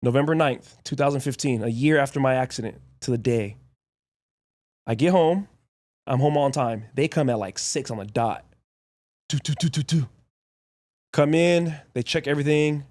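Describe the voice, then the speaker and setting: A man's voice: medium pitch, a little mellow. A young man hosting a podcast, telling a story casually in short, blunt, profane bursts. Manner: blunt and profane, rapid anecdotes in short clauses. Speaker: podcast host.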